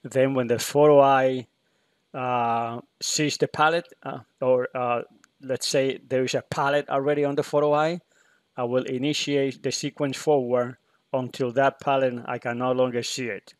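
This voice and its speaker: A man's voice: mid-range voice, flat delivery, moderate pace, dry recording. A man explaining his programming in a screen-recorded tutorial, hesitant and full of fillers and restarts. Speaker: PLC programmer demonstrating code.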